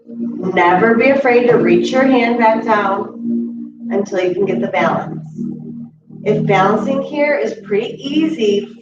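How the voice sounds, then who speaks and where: A young adult woman guiding a chair yoga class, calmly cueing each step and slowing down to hold the poses. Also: fairly high pitch. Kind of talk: guided exercise instruction. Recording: distant, roomy, dull audio with steady background noise.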